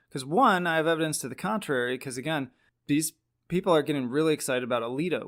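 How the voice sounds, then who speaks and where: A man's voice: medium pitch, fairly bright tone. A man giving casual opinion commentary, explaining his views in an earnest, emphatic and opinionated way. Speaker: video commentator.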